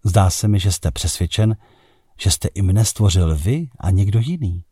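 A man reading the lines of a cool, sharp-witted young woman in a story, measured and faintly ironic. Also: low-pitched, lively intonation, husky, dry recording, studio quality.

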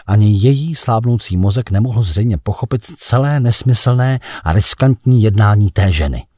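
Husky guy reading a story aloud, measured and kinda hesitant, super dry sound. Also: on the low side, animated, mellow, dry recording. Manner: measured first-person narration with hesitant pauses. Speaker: narrator. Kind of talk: literary audiobook reading.

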